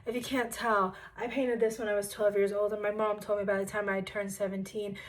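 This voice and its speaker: A woman in her twenties telling her story in a casual vlog from her childhood bedroom, chatty and self-deprecating with animated asides. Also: medium pitch, brisk, low-quality recording. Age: 20s. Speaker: vlogger.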